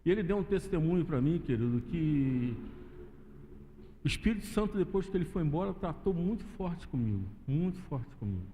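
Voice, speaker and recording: Speaking briskly and with animation, a Brazilian man preaches his testimony in church, frequently saying "querido" ("dear") to his listeners. His voice sits on the high side with a dark tone, and the sanctuary recording has long reverb plus a little hiss or hum.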